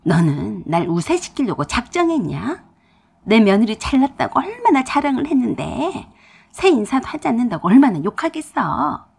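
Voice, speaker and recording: A woman voicing a domineering older mother-in-law who lectures and scolds harshly, her voice slightly breathy. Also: mid-range voice, very animated, normal speed, darkish tone. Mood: scolding.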